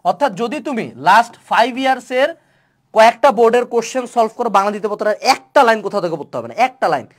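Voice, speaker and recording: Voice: medium pitch, animated, very fast. A young online tutor giving a playful webinar lecture. The tutor asks many rhetorical questions and mixes English words into the talk.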